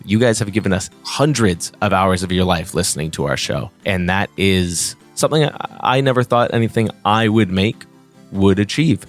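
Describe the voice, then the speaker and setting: Low-voiced man narrating as game master. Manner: slow, descriptive storytelling with fillers.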